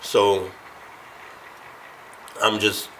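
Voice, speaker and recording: A man with a stuffed-up nose from being sick, hosting a casual do-it-yourself car vlog. He talks in a slow, low-energy way and wings it as he goes. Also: flat delivery, fairly bright tone, a little hiss or hum, low-quality recording. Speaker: car channel host.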